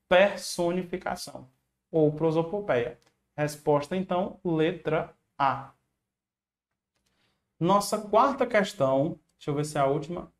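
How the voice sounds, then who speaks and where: In an online video lesson for exam prep, a man speaks with a Brazilian Portuguese accent and a fairly high voice. His tone is relaxed and encouraging, and he drops slang while going over every answer.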